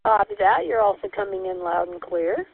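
A woman hosting a radio net check-in, heard over a two-way radio, speaking in a friendly, measured way with hesitant fillers. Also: mid-range voice, animated, creaky, breathy edge. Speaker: net control host. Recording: tinny two-way radio with faint static.

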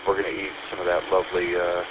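A man talking over a two-way CB radio in a relaxed way, signing off with his call sign. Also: low-pitched, fast talker. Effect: two-way CB radio transmission. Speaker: amateur radio operator. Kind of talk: casual radio chat. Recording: tinny radio line with static.

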